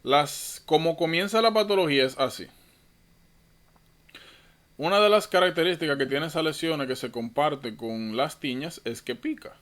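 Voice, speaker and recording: A man's voice: a little high, normal speed, fairly bright tone. Man giving an informal medical lecture. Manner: informal, thinks aloud, self-correcting. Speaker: medical tutor. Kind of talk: online lecture to students.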